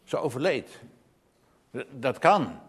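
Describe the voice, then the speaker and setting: A man's voice: mid-range voice, sing-song, slow, breathy edge. A man preaching a sermon, earnest and emphatic, often repeating words as he goes.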